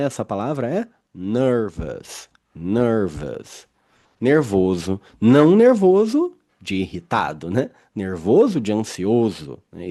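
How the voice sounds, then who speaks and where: A man teaching an English grammar lesson, explaining patiently, reading example sentences slowly and often checking in with his students. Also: fairly low pitch, mellow.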